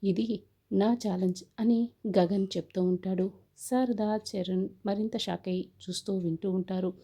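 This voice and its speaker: Husky dark-voiced woman narrator. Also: medium pitch, steady tone, normal speed. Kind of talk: serial episode recap narration.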